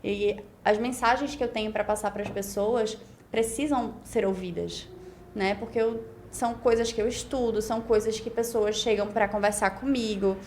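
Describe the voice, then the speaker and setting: As a guest on an informal podcast, a beauty pageant winner in her twenties talks through her story reflectively, in long run-on passages with "né?" tacked on often. She has a Pernambuco accent of Brazilian Portuguese and a mid-range, slightly mellow voice with fairly even intonation at normal speed. There's slight background noise.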